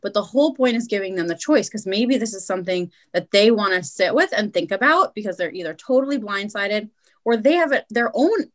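A woman's voice: medium pitch, lively intonation, brisk. Earnest woman guest explaining casually. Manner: earnest, explains with many "like" and "right?" asides. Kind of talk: casual podcast chat.

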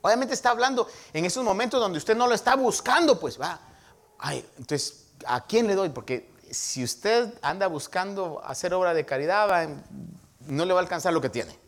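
An older man, a pastor, preaching a sermon with lively emphasis and acted-out quotes. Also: high voice, brisk. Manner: lively preaching, acting out quoted dialogue, rising to emphatic peaks.

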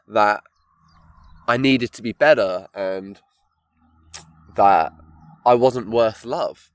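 A man hosting a solo podcast, talking slowly and thoughtfully, often pausing to find his words. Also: mid-range voice, fairly bright tone, dry recording. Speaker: podcast host. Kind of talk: reflective solo monologue.

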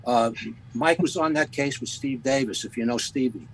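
A man hosting an interview, telling a story in a halting way with restarts. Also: medium pitch, a little hiss or hum, rough recording. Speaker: podcast host. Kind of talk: conversational storytelling.

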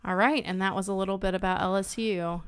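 A woman's voice: medium pitch, fairly even intonation, quick pace, smooth, no echo, studio quality. A woman hosting a sports podcast in casual chat, steering with short prompts and questions. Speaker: podcast host.

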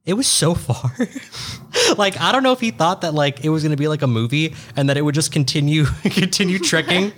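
A man co-hosting a casual chat, telling stories in an animated way with lots of fillers and mimicry. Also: on the high side, brisk. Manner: animated storyteller, mimics others, frequent laughs and fillers. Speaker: podcast co-host.

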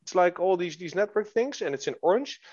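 A man's voice: high-pitched, expressive, fairly quick, a little mellow, no echo. A man co-hosting a casual crypto podcast, stumbling over repeated words and restarts, at times reading a news article aloud. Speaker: co-host. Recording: dull lo-fi sound.

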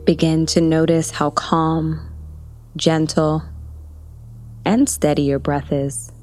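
A woman leading a guided body-relaxation meditation, speaking in soft, soothing instructions with long pauses. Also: deep voice, flat delivery, faint music behind.

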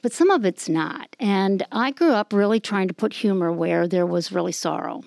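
A woman's voice: mid-range voice, expressive, normal speed, creaky, darkish tone, dry recording, clean studio sound. A woman candidly telling her own story in a faith discussion group, with occasional ums. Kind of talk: personal testimony in group discussion.

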